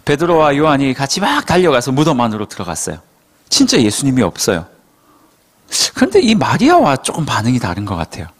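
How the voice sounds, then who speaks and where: Animated male preacher telling a story. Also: mid-range voice, brisk. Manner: animated storytelling with rhetorical questions. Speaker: pastor. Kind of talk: sermon.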